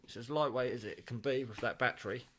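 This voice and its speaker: A man talks quickly at medium pitch during a relaxed, hands-on demo of his hobby kit, muttering offhandedly as he goes. Background noise is clear on the handheld camera recording, along with clicks from handling.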